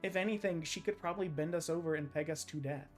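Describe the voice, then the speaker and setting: A high-voiced man streams a game in loose, casual chat. He is excitable and swears freely, with faint game music playing underneath. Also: quick pace. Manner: excitable, swears, laughs often. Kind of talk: casual live gameplay chat.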